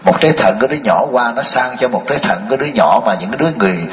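A man's voice: medium pitch, expressive, very fast, fairly bright tone. A man, a Buddhist monk giving a folksy, joking sermon and firing rhetorical questions at a live audience. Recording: echoey hall, mic at a distance.

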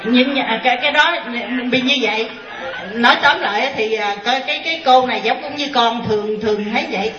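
A fairly high-pitched woman, a Buddhist nun, tells her story in a chatty, halting way, often with a laugh. The voice is picked up from a distance and rings through a roomy hall. The sound is somewhat dull. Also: crowd noise. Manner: chatty, hesitant restarts, laughs as she tells it. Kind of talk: storytelling in a question-and-answer session.

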